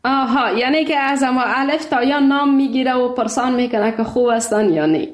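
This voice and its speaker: High-voiced cheerful woman radio host. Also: reverberant. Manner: cheerful, laughs often. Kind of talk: call-in radio chat.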